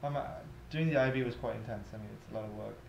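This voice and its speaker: A man's voice: fairly low pitch, quick pace. A man in his twenties from Tanzania, a college student talking in a casual, easygoing way in a documentary interview, often saying "you know". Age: 20s. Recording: echoey room with clear background noise.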